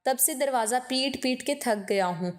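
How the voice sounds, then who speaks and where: A woman telling an emotional first-person story in an earnest, scripted reading. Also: sits high.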